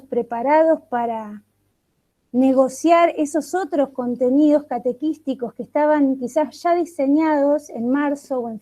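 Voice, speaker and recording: Over a video call, a woman leads an online catechesis workshop, speaking reflectively and asking one question after another with thoughtful pauses. Her voice is high-pitched and warm, though the audio quality is poor.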